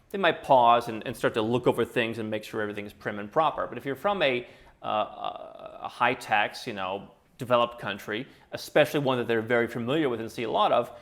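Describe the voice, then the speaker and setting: Fast-talking man giving advice. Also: mid-range voice, a bit bright. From United States. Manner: brisk, opinionated, lightly sarcastic. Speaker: channel host. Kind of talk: talking-head advice commentary.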